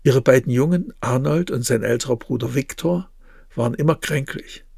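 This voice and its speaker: A man with a gravelly voice giving a measured literary reading and commentary as narrator. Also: mid-range voice, a little mellow, no echo, studio quality.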